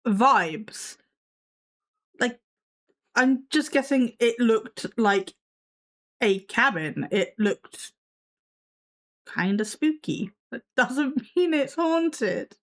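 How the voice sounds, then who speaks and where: Her voice sits a little high and sounds fairly bright and expressive, with drawn-out words and frequent pauses. She's a woman reacting to videos on a live stream, skeptical and sassy, swearing casually as her voice fades.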